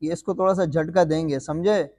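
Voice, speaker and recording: Male recitation teacher with a high voice: repeats questions, drags out the examples, sounds heavily reverbed. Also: fairly even intonation, dark tone. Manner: repeats questions to the students and answers them himself; slow, drawn-out demonstration recitations. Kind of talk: classroom-style recitation lesson.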